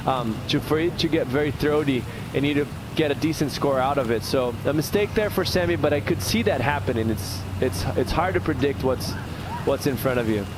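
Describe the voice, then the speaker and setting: A man's voice: mid-range voice, brisk. A man giving conversational, explanatory live surf analysis, often rephrasing as he goes. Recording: outdoor ambience, boat engine noise behind.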